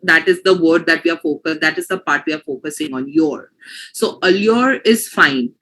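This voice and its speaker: A woman's voice: sits low, fairly quick, bright, forceful tone, low-quality recording. A woman with an Indian accent teaching pronunciation in an online class, explaining patiently and often checking that students follow.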